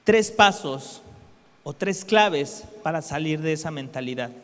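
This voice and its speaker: A high-pitched male preacher delivers a sermon. He keeps it conversational and asks the congregation questions as he goes. His voice carries a long, echoing reverb from the hall. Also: animated, unhurried.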